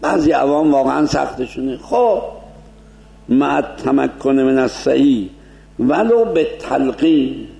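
A man teaching a seminary lecture as a cleric, explaining points and slowly demonstrating Arabic pronunciation. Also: medium pitch, expressive, vocal fry, mellow, reverberant.

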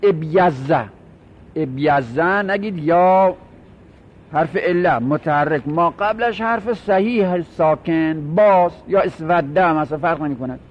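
A man teaching a grammar lesson, patiently repeating and drilling example words as he explains each rule step by step. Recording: dull lo-fi recording with faint rumble.

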